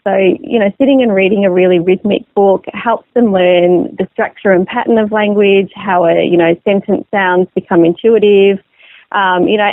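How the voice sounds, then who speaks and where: Creaky-voiced woman, phone-like audio. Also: mid-range voice, dry recording. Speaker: magazine editor as interview guest. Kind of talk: conversational explanatory interview. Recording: narrow phone line sound.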